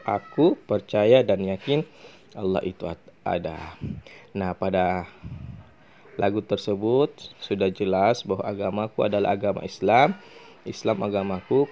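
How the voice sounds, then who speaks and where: A man teaching a religion lesson to children, talking slowly and carefully. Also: lowish voice, a little mellow, lo-fi sound, a little hiss or hum. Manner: slow and deliberate, addressing children. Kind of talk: classroom lesson with singing.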